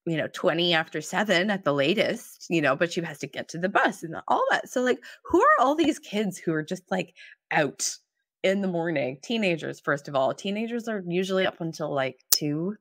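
A woman's voice: fairly low pitch, moderate pace, no echo, clean studio sound. A woman co-hosting a casual podcast, talking animatedly and acting out other people's lines. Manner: animated, acts out characters' lines. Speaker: podcast co-host. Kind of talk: casual chat.

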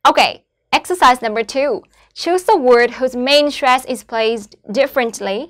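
A woman teaching an online English lesson, slowly modeling each English word and then explaining it to schoolchildren. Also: high-pitched, a bit bright. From Vietnam.

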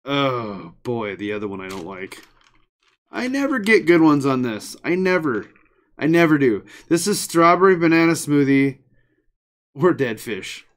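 A man hosting a gaming channel, giving excitable playthrough commentary and yelling at enemies on screen. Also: mid-range voice, unhurried. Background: game music.

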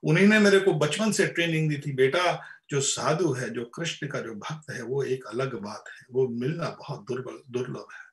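A man giving an impassioned spiritual discourse, rising to loud emphatic peaks and often repeating words as he restarts. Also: mid-range voice, moderate pace, few pauses, echoey room. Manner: repeats words while searching, frequent restarts. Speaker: spiritual lecturer. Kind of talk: Hindi religious discourse.

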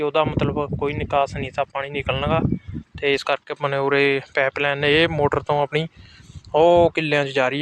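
Outdoor noise sits behind a man with a Punjabi accent and a fairly high voice. He talks to camera like a farmer showing viewers around, casual and repetitive, and his intonation stays quite flat. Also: poor audio. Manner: repetitive, addresses viewers as brothers. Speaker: farmer vlogger. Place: outdoors on farm fields. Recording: outdoor recording with clear background noise.

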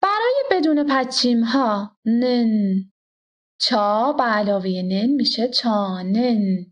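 A woman teaching a language grammar lesson, explaining carefully and repeating her example sentences slowly. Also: a little high, animated, lo-fi sound.

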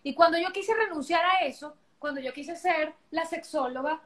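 A woman guest talking loudly and energetically on a live video chat, projecting her voice the way she does when teaching. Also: very high voice, normal speed. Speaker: sexologist guest. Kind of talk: casual live-stream chat.

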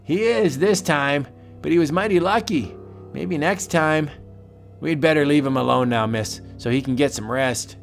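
A man voicing a calm ship's doctor with a measured, matter-of-fact manner. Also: fairly high pitch, gravelly, soft background music.

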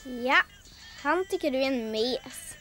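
Brief: a blunt young girl, high bright voice, film drama. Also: lively intonation, faint music behind. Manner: pleading, blunt. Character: young girl, police officer's daughter, pleading. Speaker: daughter of the policeman.

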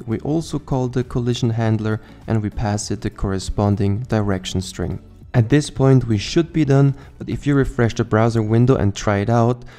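Calm man narrating a coding tutorial. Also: on the low side. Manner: calm, methodical step-by-step explaining. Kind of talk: scripted screencast narration.

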